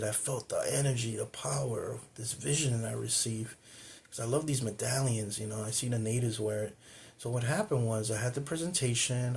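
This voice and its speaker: Man, host, casual storytelling, rambling, restarts, middle pitch, indoors. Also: creaky. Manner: rambling, with frequent repeats and restarts. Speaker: host of a cultural video channel.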